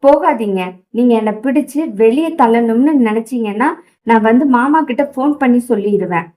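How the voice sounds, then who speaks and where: A woman voicing a young wife who pleads tearfully and defiantly, in a raised, higher voice. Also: moderate pace, warm tone, natural voice. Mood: tearful pleading.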